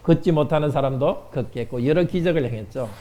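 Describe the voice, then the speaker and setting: Pastor guy doing a kids' sermon, highish voice but mellow, keeps asking the kids questions. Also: fast. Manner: asks children questions and answers them. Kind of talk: children's sermon. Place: church sanctuary.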